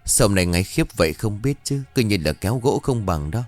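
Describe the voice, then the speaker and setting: A man's voice: lowish voice, lively intonation, fairly quick, faint music behind, lightly acted. A man voicing a worried young village wife and mother, fretful and calling out anxiously.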